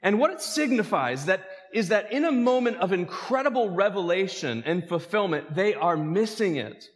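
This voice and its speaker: A man's voice: high-pitched, moderate pace, big-room sound. A male pastor preaching a sermon, calling out questions to his congregation. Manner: lively preaching with calls to the congregation.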